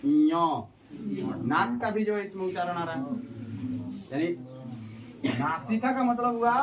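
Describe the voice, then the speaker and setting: A man teaching a classroom lesson, asking the class questions and repeating their answers with drawn-out syllables. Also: sits high. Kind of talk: classroom Hindi grammar lesson. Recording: distant mic, noisy class around.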